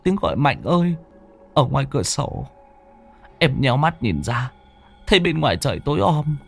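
A man's voice: medium pitch, big pitch swings, moderate pace, creaky, breathy edge, soft background music, voice pushed up, full character voice. A man voicing a terrified young village man who stammers and pleads in panic. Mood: terrified stammering.

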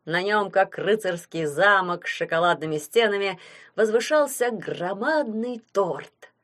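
A woman narrating a children's storybook in an expressive way. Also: mid-range voice, unhurried. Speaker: reader.

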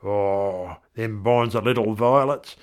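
A man reading verse as a fond, wry rural husband, speaking in homely, unhurried vernacular. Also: fairly low pitch, smooth.

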